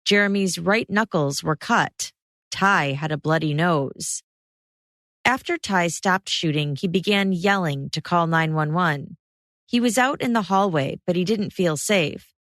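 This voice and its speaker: A woman host reading a scripted true-crime narration in a measured, steady way. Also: lowish voice, dry recording, studio quality. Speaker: podcast host.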